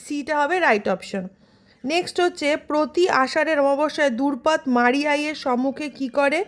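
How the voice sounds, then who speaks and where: A woman teacher with a Bengali accent from West Bengal, reading out multiple-choice questions and their options, then giving the right answer. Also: sits high. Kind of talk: exam revision lesson.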